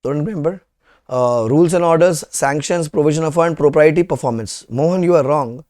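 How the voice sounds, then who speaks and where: A man's voice: on the high side, brisk, darkish tone. Indian man teaching, repeating for emphasis. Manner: repeats questions and phrases for emphasis. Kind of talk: live classroom lecture with quiz questions.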